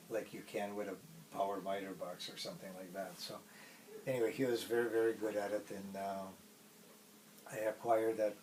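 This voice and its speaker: Man, Polish accent, native Polish speaker, lowish pitch, halting casual interview talk, faint background noise. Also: a little mellow, distant mic, low-quality recording. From Poland. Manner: halting, pausing often mid-phrase.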